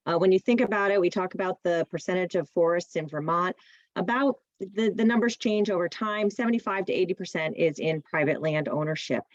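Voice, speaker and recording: A woman's voice: on the low side, no room sound, muffled recording. A woman directing a nonprofit, giving a friendly, informative talk to a public meeting over a video call. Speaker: presenter, nonprofit executive director.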